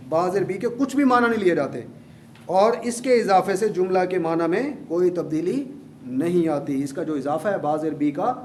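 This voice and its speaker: A man teaching grammar to a class, repeating key points patiently and encouraging his students. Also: sits high. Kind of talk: classroom lecture. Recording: echoey room, faint background hum.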